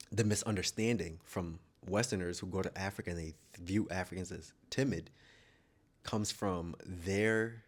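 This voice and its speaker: A man with a notably deep, low-pitched voice talks straight to the camera in a casual vlog monologue. He is blunt and opinionated, working his thoughts out aloud with frequent restarts and fillers. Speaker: vlogger.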